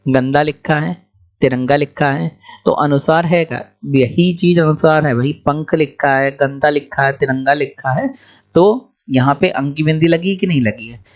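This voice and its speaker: A young man teaching exam questions, explaining each answer briskly and repeating key points. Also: on the high side, lo-fi sound.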